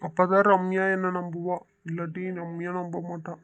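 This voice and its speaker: A calm, determined young man in a cartoon story, voiced by a man. He speaks steadily and reassuringly, in a flat, even tone. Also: sits high, normal speed, dull audio. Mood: steady. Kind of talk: cartoon voice acting.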